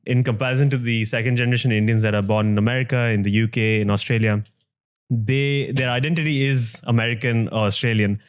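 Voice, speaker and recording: A man's voice: medium pitch, fairly even intonation, fast, smooth. A man raised in the Middle East, talking candidly in an interview with a touch of humor. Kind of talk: conversational interview chat.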